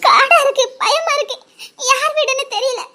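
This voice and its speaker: A woman's voice: very high voice, moderate pace, pushed and bright. A woman voicing a frightened, childlike young woman with a Tirunelveli Tamil accent, tearful and stammering. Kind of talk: audio drama acting.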